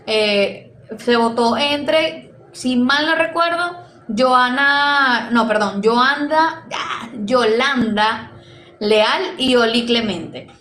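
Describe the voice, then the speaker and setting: Explaining to her students in a loose, chatty lecture, a teacher with a Venezuelan Caribbean Spanish accent speaks in a high, fairly bright voice. She hesitates, rewords things often and keeps checking that listeners follow, in an echoey room with faint noise behind.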